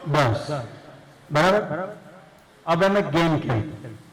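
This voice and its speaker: A man speaks to a live group of students in a fairly high voice. He is coaxing and patient, checking again and again that everyone has understood. The talk is loose and lively, addressed straight to the room. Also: takes it slowly, low-quality recording. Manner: coaxing, explains rules again and again. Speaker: speaker leading students in a game.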